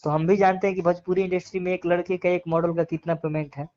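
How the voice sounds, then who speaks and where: This high-voiced man talks at a quick pace in a level, slightly mellow tone. In a casual phone interview, recorded dull and lo-fi, he offers opinions with a Bhojpuri accent, earnest and argumentative, repeating phrases for emphasis.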